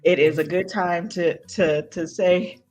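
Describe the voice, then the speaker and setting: A woman's voice: lowish voice, steady tone, unhurried, darkish tone, faint music behind. A woman speaking as a guest on a casual live stream chat, friendly and grateful. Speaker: interview guest, channel host.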